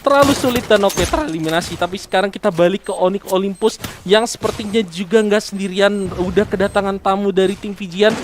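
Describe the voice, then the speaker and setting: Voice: medium pitch, fairly even intonation, fairly quick, background noise. An esports commentator with an Indonesian accent calling play-by-play like a fighting game announcer, with dramatic, swelling calls. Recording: game gunfire and clicks behind voice. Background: game gunshots and clicks.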